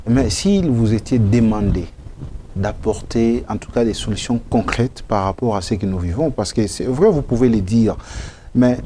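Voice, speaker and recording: A male interviewer with a mellow voice asks pointed, challenging questions of his guest. He sits mid-range in pitch. A faint hiss runs behind him. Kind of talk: studio TV interview.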